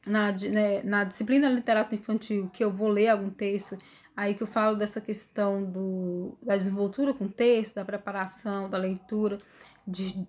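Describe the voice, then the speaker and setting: A woman's voice: mid-range voice, darkish tone. A woman lecturer teaching an online class from home, recorded on her phone. She reads long lists aloud and explains them in a loose, spoken way. Her delivery is full of fillers and phrases she breaks off and starts again. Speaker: university lecturer.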